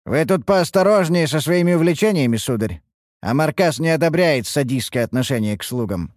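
A man playing a gruff male town guard who barks orders in a fantasy audiobook. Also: on the high side, expressive, brisk, darkish tone, dry recording, studio quality, voice pushed up, close to an everyday voice. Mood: stern. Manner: barking, commanding.

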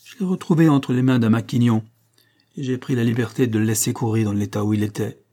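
A man reading aloud and voicing a calm, composed, self-assured detective. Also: mid-range voice, fast, natural voice.

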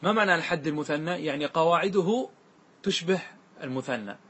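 Husky-voiced male grammar teacher. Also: on the high side, a bit bright. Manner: questions the class often and repeats key points; recites verse lines slowly and drawn out. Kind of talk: classroom lesson.

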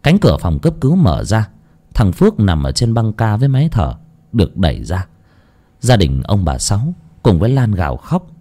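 Male narrator, low voice, lively up-and-down delivery, dramatic story. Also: normal speed. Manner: expressive, lively intonation.

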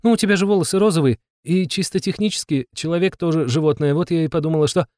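Calm, pedantic, high-voiced young mage girl, read by a man. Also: quick pace, no room sound, clean studio sound, lightly acted. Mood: earnest. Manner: earnest, precise, explains things.

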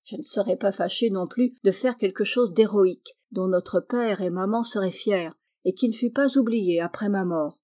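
A woman's voice: mid-range voice, normal speed, few pauses, warm tone, lightly acted. A woman voicing a bold, ambitious teenage girl with a spirited, eager manner, read from a storybook.

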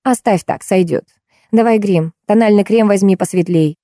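A woman's voice: medium pitch, normal speed, mellow, dry recording, studio quality, lightly acted. A woman reading an audiobook, voicing a capricious aging stage actress with an imperious, scolding manner. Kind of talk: audiobook character voice.

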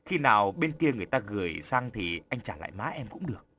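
A man voicing a sweet, trusting young woman in an audiobook story, speaking softly and pleadingly. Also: lowish voice, sing-song, a little fast, a little hiss or hum, pitched below the performer's own voice, exaggerated voice. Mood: gentle. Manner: soft, pleading. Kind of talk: audiobook character voice.

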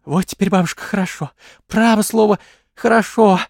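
A man's voice: high-pitched, moderate pace, creaky, darkish tone, no room sound, studio quality, voice pushed up. A man voicing a naive young village girl who pleads and squeals, then turns eager.

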